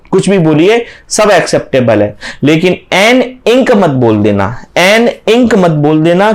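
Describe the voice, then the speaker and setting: Guy teaching grammar, high pitched, keeps repeating the main points, gets students to say stuff out loud. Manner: emphatic, repeats key points, asks students to say sounds aloud. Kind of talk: exam-prep classroom lecture.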